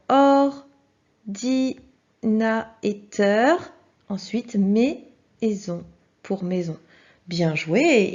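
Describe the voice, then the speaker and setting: A woman with a warm, husky, medium-pitched voice teaches a lesson in a children's video. She speaks patiently and encouragingly, addressing the child directly, though the lo-fi recording sounds dull.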